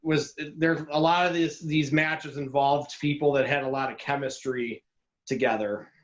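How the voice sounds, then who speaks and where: A man co-hosting a podcast in casual chat, animated and opinionated, given to ranting. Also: mid-range voice, normal speed. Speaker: podcast co-host. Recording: echoey, dull lo-fi sound.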